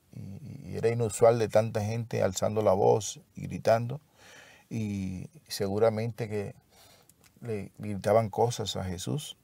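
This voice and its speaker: A man leading a devotional Bible lesson in a slow, reflective way, pausing and restarting as he explains the text. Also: lowish voice, vocal fry, warm tone, no room sound. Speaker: Bible teacher.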